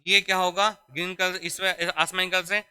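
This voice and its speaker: A man with a high, bright, forceful voice teaches a Hindi grammar lesson for exam preparation at a moderate pace, his delivery flat. He repeats key phrases, quizzes his students, and calls them "beta." A little hiss or hum sits under the recording.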